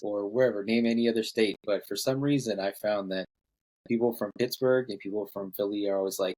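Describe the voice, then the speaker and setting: Easygoing low-voiced male podcast host. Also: steady tone, a little fast, darkish tone, low-quality recording. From San Francisco Bay Area. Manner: conversational, easygoing questions. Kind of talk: casual podcast interview.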